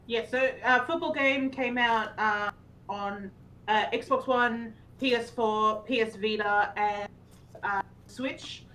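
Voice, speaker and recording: Upbeat woman panelist, higher bright voice, faint background noise. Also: fairly even intonation, rough recording. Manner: enthusiastic, quick agreeing. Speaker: podcast co-host. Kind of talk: casual chat.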